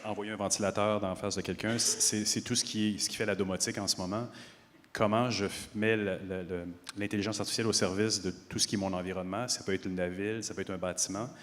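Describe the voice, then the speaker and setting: A man thinks aloud on a panel, building his point from concrete examples. His voice sits low. A long hall reverb trails behind him. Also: little pitch movement, quick pace, fairly bright tone. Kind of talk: panel discussion.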